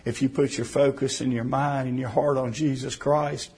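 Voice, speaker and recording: A man delivers a heartfelt sermon in a husky, slightly breathy voice of ordinary pitch. He builds to emphatic, raised phrases, then drops low and quiet to press a point home. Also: flat delivery, normal speed. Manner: fervent, rising to emphatic bursts then dropping soft. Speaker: preacher.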